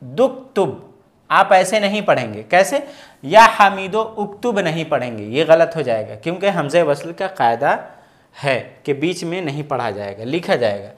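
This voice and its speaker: A man teaching an Arabic grammar lesson step by step, patiently asking questions and answering them himself, and reading example phrases slowly and carefully. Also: a little high, animated. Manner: explains patiently, asks and answers his own questions.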